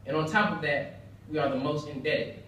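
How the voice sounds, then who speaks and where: An earnest young American man gives a prepared speech in a very echoey room, picked up from a distance. His voice sits a little high, and he speaks emphatically, repeating phrases for effect. There is faint noise behind him. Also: fairly even intonation, normal speed, a bit bright. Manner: earnest, emphatic, with rhetorical repetition. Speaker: speaker at a banquet. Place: indoor banquet room, heard from far off.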